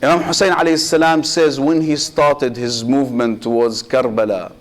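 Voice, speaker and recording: This man's medium-pitched, level voice carries a Muharram sermon delivered as a sheikh. He speaks in short measured phrases with pauses, asks the audience rhetorical questions directly, and blends Arabic religious phrasing into English.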